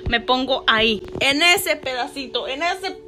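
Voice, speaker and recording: A woman's voice: sits high, expressive, unhurried, pushed and bright, soft background music. A woman in her thirties with a Mexican Spanish accent, chatting casually to a phone camera in a small bedroom and giving upbeat, motivating talk. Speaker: fitness vlogger. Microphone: phone camera close up.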